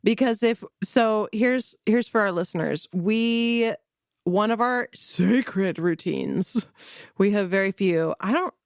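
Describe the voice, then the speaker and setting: A woman in her thirties co-hosts a casual podcast, talking at a middle pitch in a rambling, chatty way. She laughs often as she talks. The sound is dry and close. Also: slow pace, creaky, dry recording. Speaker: podcast co-host. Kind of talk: casual chat.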